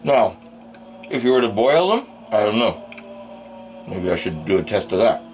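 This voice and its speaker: A man's voice: lowish voice, animated, moderate pace, slight background noise. A man giving a casual, unscripted food review in blunt, crude, rambling, drunken-sounding talk, swearing constantly.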